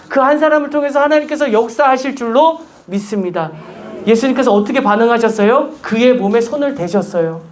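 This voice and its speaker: A pastor preaching a sermon in church, urging the congregation with repeated rhetorical questions. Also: high-pitched.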